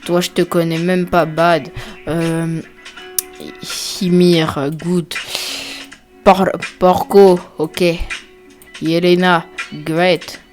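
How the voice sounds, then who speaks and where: Low-voiced woman rambling slowly thru a ranking, jokey mumbly asides, quiet music behind. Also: little pitch movement. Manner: offhand, joking, muttering asides. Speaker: video creator ranking characters. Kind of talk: casual off-the-cuff commentary.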